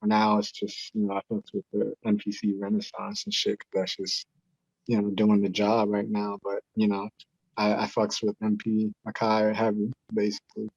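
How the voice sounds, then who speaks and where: A man, a beat maker talking in a rambling, halting, slangy way with a lot of profanity. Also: fairly low pitch, completely flat delivery, gravelly, darkish tone, husky, no room sound, lo-fi sound. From Boston area. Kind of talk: casual interview.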